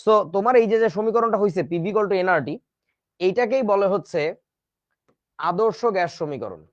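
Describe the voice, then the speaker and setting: A man's voice: high-pitched, fairly quick, dry recording, lo-fi sound. A man teaching a chemistry class in a casual, joking way, with speech. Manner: chatty, joking asides to students. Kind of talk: casual online class lecture.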